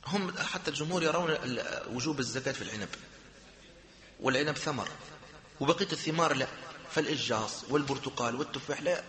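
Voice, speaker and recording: A man's voice: mid-range voice, fast talker, a bit bright. A man teaching a jurisprudence class, often asking his students questions and answering them himself. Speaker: sheikh teaching Islamic jurisprudence. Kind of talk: lecture to a class. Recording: echoey hall with long reverb.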